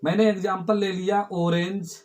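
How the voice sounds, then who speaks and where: A man's voice: sits high, little pitch movement, moderate pace, a little mellow. A male teacher giving a classroom grammar lesson, explaining step by step and repeating key words, often asking the class a question and answering it himself.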